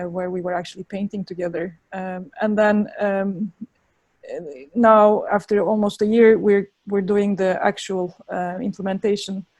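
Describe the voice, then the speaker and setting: Female interviewee, Turkish accent, soft-edged relaxed tone, thoughtful and halting, very dry close sound. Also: mid-range voice, no room sound. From Turkey. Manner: thoughtful, halting, searching for words. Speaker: interviewed urban designer. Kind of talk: spoken interview answers.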